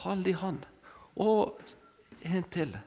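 Animated preacher in a reverberant hall. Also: male voice, sits high. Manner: animated, coaxing, repeats short commands. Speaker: preacher leading an object lesson with volunteers. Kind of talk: interactive sermon with props and volunteers.

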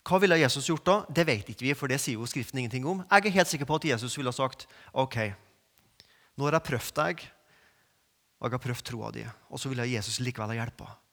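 A man preaching a sermon, moving from quiet reflection to emphatic, rising peaks. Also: medium pitch, gravelly. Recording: long reverb of a large hall.

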